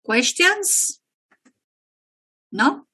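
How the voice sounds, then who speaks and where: A woman's voice: very high-pitched, big pitch swings, drawn-out words, sharp tone. A woman teaching an online English class, checking with students in short prompts. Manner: switches between English and Spanish prompts.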